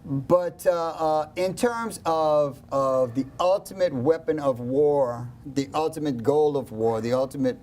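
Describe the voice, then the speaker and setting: Male studio panelist, slow, hesitant and full of pauses, dark mellow voice, faint hiss. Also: a little high. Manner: hesitant, with many uhs and restarts. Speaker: host.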